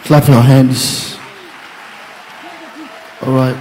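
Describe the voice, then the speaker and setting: A man hosting a conference, introducing guests in a loose, unscripted way with frequent pauses. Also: medium pitch, flat delivery, warm tone, in a large hall, a faint crowd, a little hiss or hum, rough recording. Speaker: event host.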